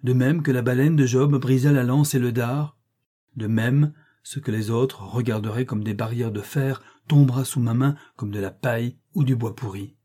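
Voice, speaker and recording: A man reading the lines of a brooding, bitter middle-aged gentleman in a slow, declamatory way. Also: medium pitch, fairly even intonation, close to an everyday voice. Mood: impassioned.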